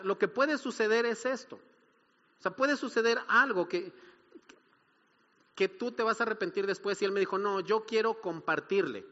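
A preacher with a high, ringing voice delivers a lively sermon, acting out both sides of his story. His voice carries a long hall echo, and the recording sounds somewhat dull. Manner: acts out both sides of conversations, animated.

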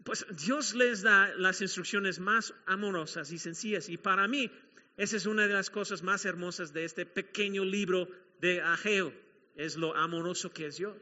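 Pastor, man, high sharp voice, emphatic preaching, dull recording with long hall reverb. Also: moderate pace. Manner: emphatic, repeats key phrases, questions the congregation. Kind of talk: sermon.

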